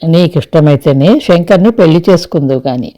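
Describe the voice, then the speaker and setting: A woman voicing a kind young husband who speaks softly and reassuringly in an audio story. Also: low voice, expressive, brisk. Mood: gentle. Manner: soft, reassuring.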